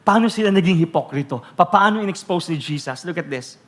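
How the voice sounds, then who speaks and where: A Filipino man preaching a sermon as pastor, teasing the congregation with rhetorical questions and loudly acting out quoted voices. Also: a little high, lively intonation, fairly quick. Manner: switches between Tagalog and English, acts out quoted voices loudly.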